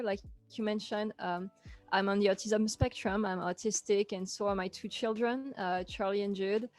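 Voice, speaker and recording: A woman in her thirties with a French accent, a guest talking casually in an interview, often trailing off quietly. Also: mid-range voice. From France.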